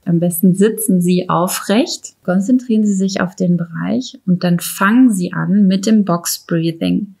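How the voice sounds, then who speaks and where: A woman's voice: on the low side, vocal fry, darkish tone, husky. A woman giving spoken step-by-step instruction in a reflective manner, addressing the listener formally. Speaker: instructor explaining emotions and breathing techniques.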